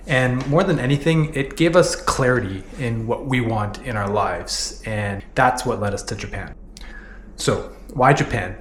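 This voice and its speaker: This reflective personal vlog comes from a Canadian vlogger in his thirties, who speaks earnestly and openly and keeps slipping in "you know." His pitch sits in the middle, the sound is reverberant, and there's slight noise behind him.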